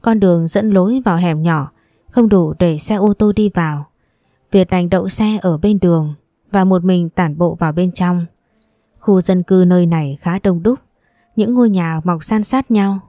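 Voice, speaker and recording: A woman reading an audiobook story aloud as narrator, in a calm and even storytelling manner. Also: lowish voice, normal speed, dry recording.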